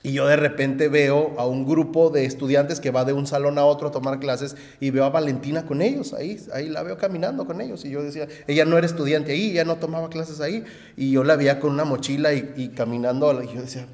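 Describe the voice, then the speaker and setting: A man, preaching a sermon in a conversational way, often adding "¿verdad?" and pausing on fillers. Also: on the high side, steady tone, darkish tone, long reverb tail. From Mexico. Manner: conversational, frequent "¿verdad?" tags and hesitations. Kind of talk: sermon with personal story.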